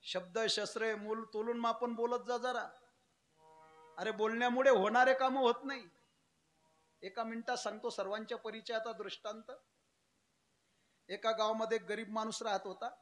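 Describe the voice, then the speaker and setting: High, bright-voiced male storyteller preacher. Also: fairly even intonation, normal speed, long pauses, faint music behind. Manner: emphatic, swings between loud declaiming and low narration; acts out characters' dialogue in changed voices. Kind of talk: storytelling sermon.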